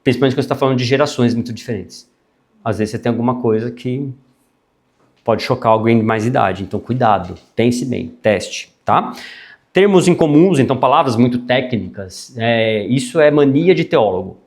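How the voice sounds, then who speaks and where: A man teaching a public speaking class, animated and chatty, dropping frequent tag questions and jokey asides. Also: medium pitch, normal speed. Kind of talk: classroom lecture.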